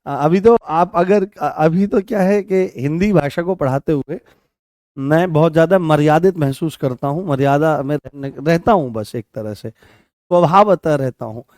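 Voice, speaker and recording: Here a Rajasthani man talks at normal speed in a voice on the high side and a little mellow, with studio quality and no room sound. His online exam-prep class covers Hindi grammar; he repeats phrases, corrects himself, and asks questions he then answers.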